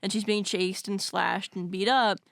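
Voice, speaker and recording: A young woman retells a horror movie plot in loose, rambling casual chat, peppered with "like" and the odd swear. Her voice sits at an ordinary middle pitch. The sound is dry and close to the mic. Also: fairly even intonation, normal speed, fairly bright tone, dry recording. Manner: rambling, lots of "like", swearing, laughs easily. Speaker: co-host. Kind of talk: casual film podcast chat.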